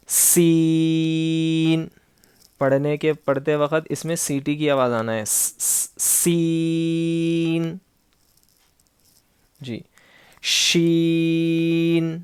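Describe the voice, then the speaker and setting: Man slowly drawing out letter sounds. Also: a little high, clear, resonant tone, dry recording. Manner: slowly drawn-out letter sounds between quick explanations; patient, instructive. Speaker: Quran recitation teacher. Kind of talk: online Noorani Qaida lesson.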